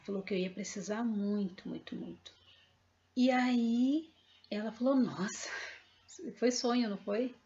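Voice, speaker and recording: A woman's voice: mid-range voice, a little mellow. Woman, earnest testimony teller, acts out dialogue; dull lo-fi recording. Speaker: spiritual storyteller. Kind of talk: personal testimony.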